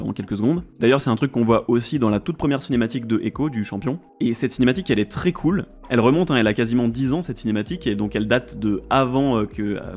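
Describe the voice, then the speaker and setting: A man's voice: mid-range voice, darkish tone. A man giving casual, analytical video commentary in an informal, slangy, opinionated way. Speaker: video essayist.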